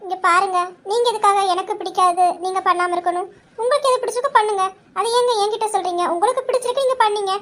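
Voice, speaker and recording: A stubborn young wife, played by a woman, fires off indignant retorts in a comic couple skit. Her voice sits very high and the words tumble out fast. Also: fairly bright tone. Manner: scolding, indignant, quick retorts.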